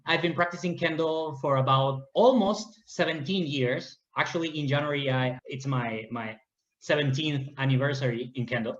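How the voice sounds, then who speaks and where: A Peruvian man in his thirties speaks English with a Spanish accent, earnest and unhurried, restarting phrases as he searches for the right word. His voice sits at an ordinary pitch. The recording is roomy and a little dull, like lo-fi audio from a bare room. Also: a bit bright. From Peru. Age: 30s. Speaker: guest. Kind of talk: casual interview talk.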